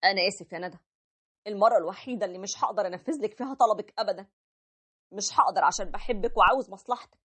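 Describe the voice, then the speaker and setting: A woman's voice: medium pitch, rapid-fire, fairly bright tone, slightly rough. A woman voicing a tender, apologetic young husband who narrates his own story, with an Egyptian accent. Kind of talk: animated story voice acting.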